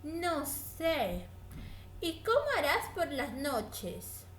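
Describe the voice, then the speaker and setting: A woman's voice: sing-song, extremely slow, slight background noise, full character voice. A woman voicing a vain, busy young female mouse in a children's storybook reading, haughty and dismissive. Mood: coy. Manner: haughty, high-pitched and dismissive. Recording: echoey room.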